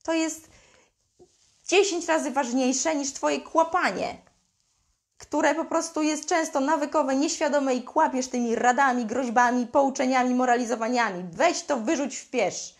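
A woman giving blunt, emphatic parenting advice to camera, using mild slang and acting out what parents say. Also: high voice. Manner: acts out parents' lines in quick mimicking voices. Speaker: parenting coach. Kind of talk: direct-to-camera advice talk.

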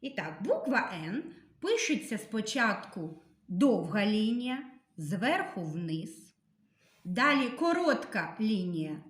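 A woman teacher speaks slowly and patiently to young children, stretching out each sound she names. Her fairly high voice rises and falls a lot. The room around her is echoey. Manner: slow, patient dictation with emphasized sounds. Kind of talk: literacy lesson for young children.

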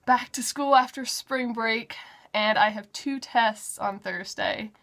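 A woman's voice: on the high side, takes it slowly, a bit bright. Chatty upbeat young woman vlogging. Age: 20s. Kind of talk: casual vlog chat.

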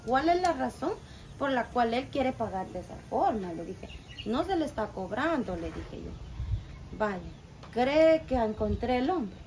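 A woman's voice: on the high side, slight background noise, poor audio. A mother who runs a small business, telling a story with lots of quoted dialogue. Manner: animated retelling with quoted dialogue. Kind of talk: storytelling interview.

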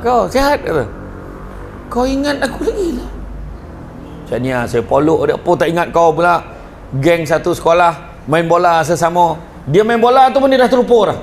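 A middle-aged man with a Negeri Sembilan Malay accent delivers a religious lecture with a fairly high-pitched voice. He mixes joking, animated stories with low, earnest moral points. A faint hiss sits under the recording. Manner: animated storytelling with jokes and sudden drops to a low, earnest tone. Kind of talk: humorous religious lecture to parents and teachers. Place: school event before a live audience.

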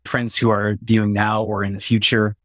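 Husky-voiced man hosting a video call. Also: lowish voice, level tone, normal speed, a bit bright, no echo, clean studio sound. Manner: earnest, heartfelt, flowing. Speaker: interviewer and peacemaking trainer. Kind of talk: virtual conversation, earnest introduction. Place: small room with curtained window. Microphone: phone or webcam close up.

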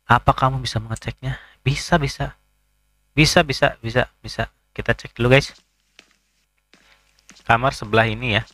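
A man's voice: medium pitch, fairly even intonation, normal speed, long pauses, a bit bright. A man casually commentating his way through a horror game, chatting to viewers, joking and getting startled. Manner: chatty, keeps addressing viewers, jokey and easily startled. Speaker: gaming YouTuber. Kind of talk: casual let's-play commentary.

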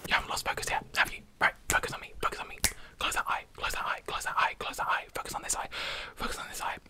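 A young man whispering fast, chaotic, aggressive ASMR close to the microphone, firing off short phrases over and over. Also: bright, forceful tone. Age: young adult. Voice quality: whispered, mostly unvoiced. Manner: rapid-fire repetition of short phrases. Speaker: ASMR video creator. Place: small bedroom, indoors. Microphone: desk microphone close to the mouth.

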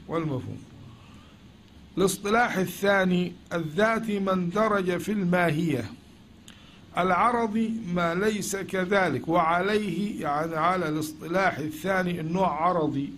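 An Egyptian-accented man teaching logic delivers a classroom lecture in a high-pitched, fairly bright voice at normal speed, repeatedly asking questions and answering them himself. There is slight background noise.

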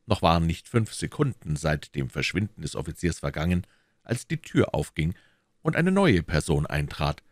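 A man reading a classic novel aloud as narrator, calm and low, voicing every character himself. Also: moderate pace, dry recording, studio quality. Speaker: audiobook narrator.

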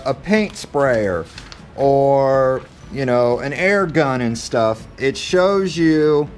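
A man in his thirties casually unboxing and reviewing tools, plain-spoken and a little self-deprecating, recorded on a camera mic in a cluttered indoor garage workshop. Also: on the high side. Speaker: channel host reviewing tools.

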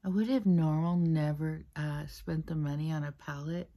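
A beauty vlogger whose voice sits low keeps a steady tone at normal speed while she casually chats through her get-ready-with-me makeup routine, soft, half-whispered, and rambling. She recorded it at her mother's place on the camera's built-in mic, with no external mic.

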